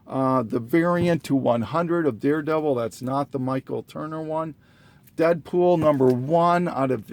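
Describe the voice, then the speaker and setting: A man slowly listing items from his collection in a casual, halting way, full of ums and self-corrections, clearing his throat as he loses his voice. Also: on the high side, a little mellow. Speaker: comic collector listing trades. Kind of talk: casual show-and-tell listing.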